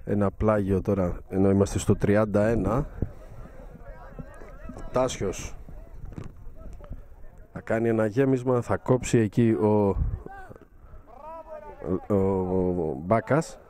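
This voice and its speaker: Calm low-voiced male football commentator. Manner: measured, with frequent hesitation fillers. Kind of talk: live match commentary.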